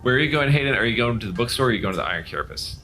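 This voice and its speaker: Male tabletop player, bright and animated, casual and questioning, slightly hesitant. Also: medium pitch, rapid-fire, slight background noise. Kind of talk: casual in-game discussion.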